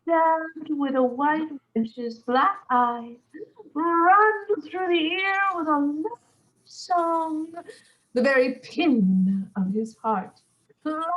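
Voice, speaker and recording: A woman's voice: high-pitched, rough recording. A woman playing a witty, mocking young nobleman, giving the verse a theatrical, teasing delivery. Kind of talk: Shakespeare stage reading.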